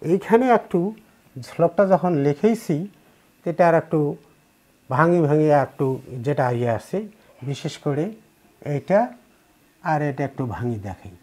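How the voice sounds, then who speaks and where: A man's voice: fairly high pitch, lively intonation, warm tone. Bangladeshi man teaching chanted verse. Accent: Bangladeshi Bengali. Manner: counts syllables slowly, chants verse lines. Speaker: Gita recitation teacher. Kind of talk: teaching Sanskrit verse pronunciation. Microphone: online class recording.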